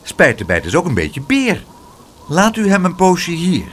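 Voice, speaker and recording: A man voicing a gentle, earnest young boy who pleads reasonably. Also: fairly high pitch, wildly swooping pitch, a little slow, slight background noise, pitched above the performer's own voice. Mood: pleading.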